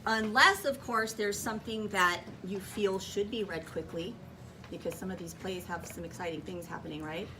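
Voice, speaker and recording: An elementary school teacher gives instructions in an indoor classroom, often checking understanding with questions. Her mid-range voice has fairly even intonation and a normal speed. She's recorded from a distance, with clear classroom noise around her.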